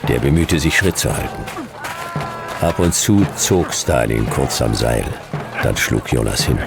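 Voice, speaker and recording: A male actor voices a weary, sardonic detective narrating a radio drama, delivering dry, deadpan short sentences in a heavily acted style. His pitch is extremely low and gravelly, against a noisy background.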